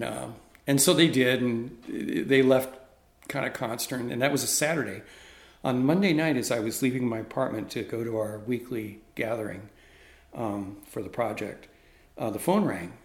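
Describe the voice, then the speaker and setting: A man's voice: mid-range voice, normal speed. A middle-aged man, a ministry leader, telling a story in conversation and acting out the dialogue. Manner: animated, reenacts dialogue. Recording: roomy echoey room.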